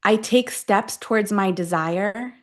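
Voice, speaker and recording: At a medium pitch, a woman leads a self-affirmation session like a guided meditation. She uses short, deliberate phrases with long pauses in between.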